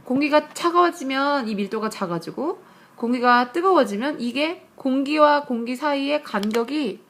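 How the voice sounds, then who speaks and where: A woman teaching English grammar on a tablet screencast, her voice sitting a little high. She explains patiently, checks in with rhetorical questions and reads each English example slowly and carefully. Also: expressive, fairly bright tone. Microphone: tablet screencast mic.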